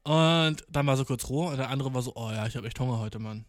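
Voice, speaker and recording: A man's voice: mid-range voice, fast talker, no room sound, studio quality. A young man telling a casual, slangy anecdote full of swearing, acting out the people he quotes. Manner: slangy, swearing, tags lines with "ne?"; acts out quoted people in the story. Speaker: storyteller.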